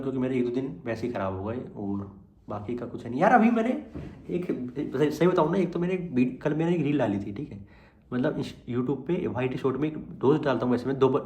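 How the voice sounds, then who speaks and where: Young male vlogger, mid pitch, rambling filler-heavy chat, echoey room. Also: a little mellow. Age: young adult. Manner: rambling, full of fillers, angry threats turning to tired chat. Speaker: exam student vlogger. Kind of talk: casual vlog monologue.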